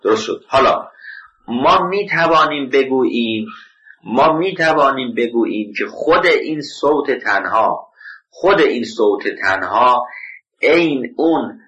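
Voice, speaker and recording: A man giving a scholarly lecture as a teacher, deliberate and leaning on set filler phrases, often stopping to check that the class follows. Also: mid-range voice, expressive, pushed and bright, highs cut off.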